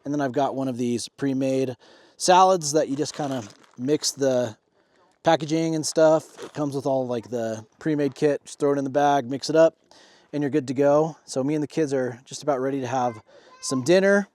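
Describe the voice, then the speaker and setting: A man's voice: mid-range voice, moderate pace, a little mellow, no room sound. A man talking casually to camera by a campfire at an outdoor campsite, as a camping vlogger. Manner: chatting by a campfire.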